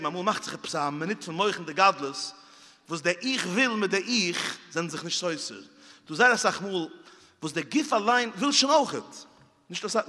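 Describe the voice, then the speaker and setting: A man's voice: high-pitched, bright, forceful tone. A man preaching a sermon, telling stories and repeating phrases for emphasis. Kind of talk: sermon with storytelling. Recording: long hall reverb.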